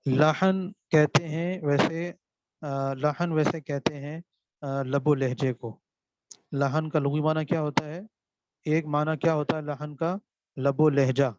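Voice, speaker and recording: A man's voice: fairly high pitch, fairly even intonation, background noise. A man teaching a seminary class, putting questions to his students and answering them himself while repeating key terms. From Pakistan. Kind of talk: classroom lecture on Quran recitation. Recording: dull dry lo-fi recording.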